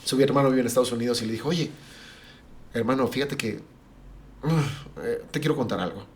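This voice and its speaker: A man's voice: medium pitch, fairly quick, a little hiss or hum. A middle-aged man, a pastor and podcast guest, telling a personal story and acting out what others said. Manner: animated, acts out the dialogue of family and friends.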